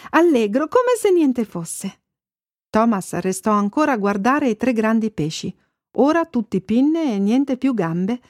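A woman narrating a children's storybook in an expressive, lively way. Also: a little high, dry recording, clean studio sound. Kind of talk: storybook reading.

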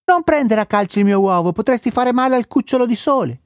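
A man voicing an eager, excitable little female elf in a storybook reading. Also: fairly high pitch, fairly quick, dry recording, clean studio sound, pitched above the performer's own voice, lightly acted.

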